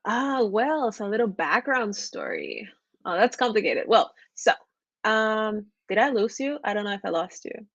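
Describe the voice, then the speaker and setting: A woman's voice: mid-range voice, animated, moderate pace, a bit bright, dry recording, lo-fi sound. A woman from Ecuador, a graphic designer, chatting as a guest on a video call in a talkative, enthusiastic way. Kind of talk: casual video-call chat.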